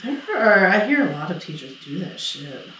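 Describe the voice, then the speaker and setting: Middle-aged woman podcasting, animated storyteller, swears a lot, kinda far off the mic in an echoey room. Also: lowish voice, moderate pace, slight background noise. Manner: animated storyteller, acts out quotes, swears freely. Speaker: podcast co-host. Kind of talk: casual storytelling chat.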